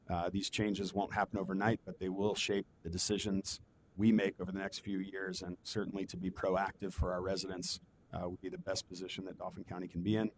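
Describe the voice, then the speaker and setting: Even-toned, lowish-voiced man chairing a meeting. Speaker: county commissioner chairing a public meeting. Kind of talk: formal public meeting remarks, read from notes. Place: government meeting room. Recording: noisy public meeting room with low rumble.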